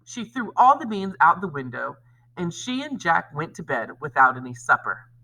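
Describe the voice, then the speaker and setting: Big pitch swings mark this male elementary teacher's delivery as he reads aloud and walks pupils through a lesson at a moderate pace. He sounds bright and forward with some vocal fry, speaking expressively and addressing the children directly, on a rough recording.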